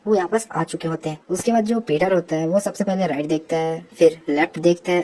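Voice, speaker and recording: Low, flat-voiced woman recapping a comic. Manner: chatty, mixes in English words and asides. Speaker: story recap narrator. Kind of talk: casual comic story recap narration.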